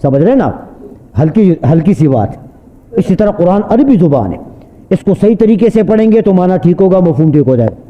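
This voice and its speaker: A man preaching a sermon, asking his listeners rhetorical questions and slowly chanting verses of Quranic recitation. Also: sits high, sing-song. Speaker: Islamic preacher. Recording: dull lo-fi hall reverb.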